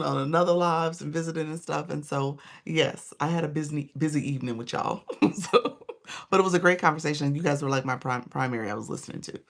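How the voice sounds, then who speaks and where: Coaching over a phone live stream, this woman sounds hoarse and weary, her voice low-pitched. Between her points she chats casually and welcomes viewers by name.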